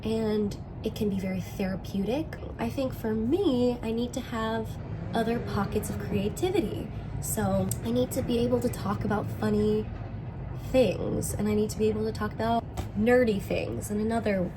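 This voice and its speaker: A young woman with vocal fry and a sore throat talks in a casual, slangy vlog style, often dropping in "like". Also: on the high side, normal speed, noisy background. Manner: informal, slangy, frequent "like". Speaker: vlogger, musician and sketch writing student.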